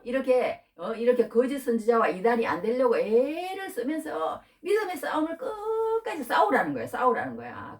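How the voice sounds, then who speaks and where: A middle-aged woman preaching a sermon, asking the listeners rhetorical questions in an informal, lively way. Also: sits high. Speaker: pastor. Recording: distant from the mic.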